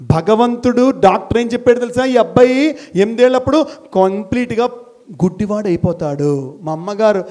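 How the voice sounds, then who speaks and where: A middle-aged man from India, a school principal, giving an animated motivational talk to college students, firing rhetorical questions and repeating key phrases for emphasis. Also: high voice, moderate pace. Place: college gathering, addressing students.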